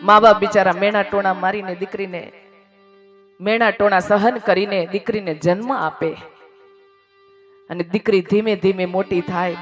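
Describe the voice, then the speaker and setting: Emotional man telling a devotional story. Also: high-pitched. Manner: emotional, swells loud then drops to near whisper; rhythmic, repeating phrases in lists. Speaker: katha storyteller.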